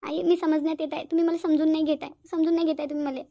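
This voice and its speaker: Brief: whiny lovesick cartoon teen girl, voiced by a woman, high and quick. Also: little pitch movement, mellow, highs cut off, slight background noise. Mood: defiant. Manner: pleading, repetitive whining. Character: lovesick teenage girl, stubborn and tearful. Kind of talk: cartoon voice acting.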